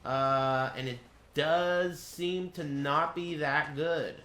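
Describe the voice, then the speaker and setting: This man streams games, chatting in a rambling way through joking, crude and blunt impressions laced with swearing. His fairly high voice is steady, slow and sharp in tone, and the recording has a roomy echo.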